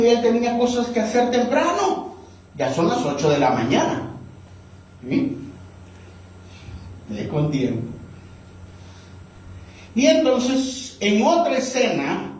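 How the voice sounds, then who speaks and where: A pastor delivers a Sunday sermon as an animated storyteller, his high voice swinging widely as he acts out scenes. The sound is very echoey and picked up from a distance in a church hall, with faint noise underneath. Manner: animated storyteller, raising pitch for characters' lines.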